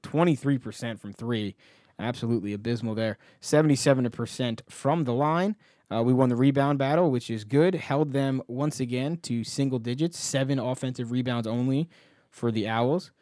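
A man's voice: mid-range voice, moderate pace, a little mellow, dry recording, studio quality. A man hosting a podcast, talking sports in a casual, conversational style. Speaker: podcast host.

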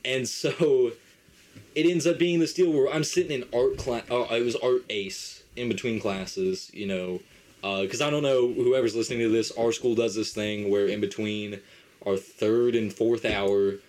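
A man's voice: mid-range voice, fairly even intonation, measured pace, darkish tone. Rambling teenage boy telling a story. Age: teens. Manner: rambling storyteller, full of fillers. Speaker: podcast host. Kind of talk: casual chat.

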